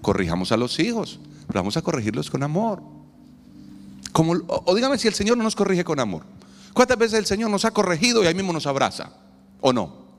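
Animated pastor in echoing hall. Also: male voice, high voice, a little fast. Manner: animated, playful, acts out quoted voices. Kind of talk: sermon. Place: church hall. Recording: long reverb in a church hall, faint noise.

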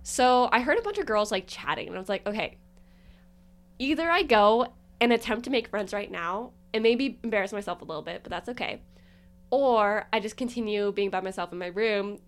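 A young woman in relaxed podcast chat, laughing at herself and peppering her stories with filler words. Her pitch sits in an ordinary middle range, and her telling runs loose and conversational. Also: fairly quick. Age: young adult. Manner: self-deprecating, giggly, lots of "like". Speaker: podcast co-host. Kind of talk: casual chat.

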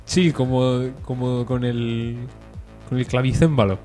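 Man, mid-pitched voice, teasing banter, casual podcast chat. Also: steady tone, a little slow, darkish tone, faint music behind. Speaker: podcast co-host.

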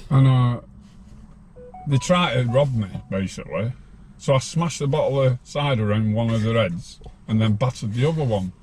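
A man's voice: medium pitch, fairly quick, a little mellow, soft background music. A man, telling his life story bluntly as an interview guest. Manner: rambling, blunt, laughs while telling.

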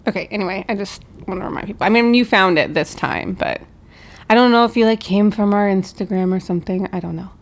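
A woman's voice: medium pitch, fast talker. A woman co-hosting a podcast, explaining things in an informal, conversational way. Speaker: podcast co-host. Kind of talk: casual explanatory chat.

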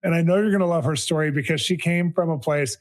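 A man's voice: fairly high pitch, fast. Enthusiastic male podcast host. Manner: excited, gushing. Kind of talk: enthusiastic interview and intro.

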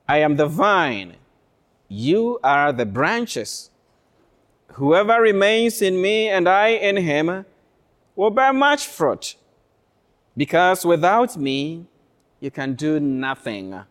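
A man speaking as a priest to his congregation, reading scripture in a measured, deliberate way. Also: on the high side, sing-song, a bit bright. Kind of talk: solemn Gospel reading and address to a congregation.

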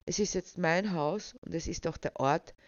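A woman voicing a calm young man who speaks coolly and curtly, in a dull, dry recording. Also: fairly low pitch, normal speed, no room sound, close to an everyday voice. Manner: cool and curt.

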